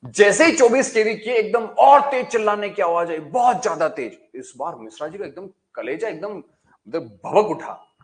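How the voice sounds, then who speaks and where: A male engineering lecturer telling a humorous story in a lively, colloquial way. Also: high voice, moderate pace.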